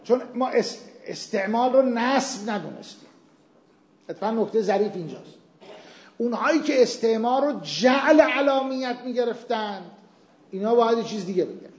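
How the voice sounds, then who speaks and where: A man with a fairly high voice lectures a seminary class. He works through the point by asking his own questions and answering them with homely examples. The room rings with a noticeable echo. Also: a little mellow. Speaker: teacher of Islamic legal theory.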